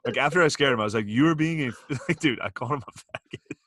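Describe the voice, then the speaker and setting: A man's voice: medium pitch, quick pace, a bit bright, no room sound, studio quality. A man co-hosting a podcast in casual chat, telling rambling, profane stories and laughing often. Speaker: podcast co-host.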